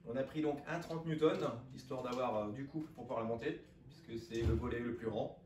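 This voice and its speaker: A man's voice: mid-range voice, a little fast. Male DIY host, 40s, matter-of-fact, recorded at a distance in a roomy space. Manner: matter-of-fact, explaining each step plainly. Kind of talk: casual step-by-step DIY narration. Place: home room by windows, indoors. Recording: echoey room, distant mic, background noise.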